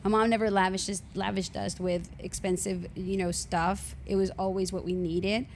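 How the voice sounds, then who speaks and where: A woman in her forties from Honduras, a native Spanish speaker, chatting warmly as a guest and often laughing as she shares her testimony. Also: mid-range voice, little pitch movement, moderate pace, slight background noise. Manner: warm, chatty, laughs often between sentences. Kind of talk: casual faith testimony.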